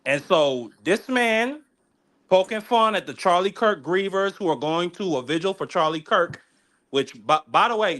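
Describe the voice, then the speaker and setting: A man hosting a casual political commentary show, talking in an animated, profane way with many fillers and restarts. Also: on the high side. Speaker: host.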